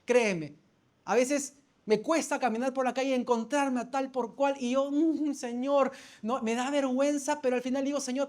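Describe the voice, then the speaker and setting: A man's voice: very high voice, darkish tone. A man, a pastor preaching a sermon. He tells a personal story, calls for amens and often restarts his phrases. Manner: storytelling, calls for amen, self-correcting restarts.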